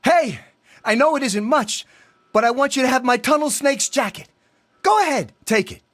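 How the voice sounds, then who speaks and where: A man's voice: very high-pitched, lively intonation, normal speed, a bit bright. A young man acting a panicked teenage tough boy in a video game, with an emphatic, pleading, slangy delivery. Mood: elated, grateful.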